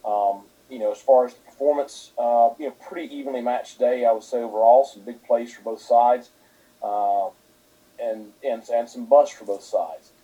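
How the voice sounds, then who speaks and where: A man, a football head coach, answering questions at a press conference in a halting way, with many fillers. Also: mid-range voice, steady tone, warm tone, husky, low-quality recording.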